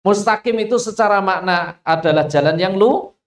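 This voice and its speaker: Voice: medium pitch, normal speed. A Quran recitation teacher with a Javanese accent, giving a lesson and asking the listeners questions before answering them, drawing out the example verses. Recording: echoey room.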